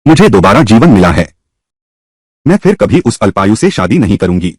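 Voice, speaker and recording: A man as a spoiled young woman in a dubbed drama, whiny and pleading. The voice swings widely in pitch and sounds close and dry. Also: sing-song, moderate pace, husky, dry recording.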